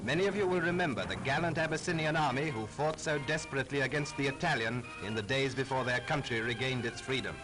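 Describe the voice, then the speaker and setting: A man narrating an old newsreel in a brisk, formal, patriotic manner. His voice sits at an ordinary middle pitch. Loud music plays under him on the vintage soundtrack. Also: poor audio. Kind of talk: 1940s wartime newsreel narration.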